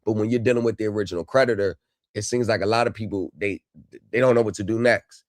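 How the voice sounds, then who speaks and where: A man's voice: lowish voice, fairly even intonation, quick pace, no echo. A man talks over livestream headset audio with a dry, close sound and no room around it. He speaks casually as the host and keeps turning to his viewers in the chat. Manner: chatty, addresses viewers directly. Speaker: livestream host reviewing court videos. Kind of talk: casual live commentary to chat.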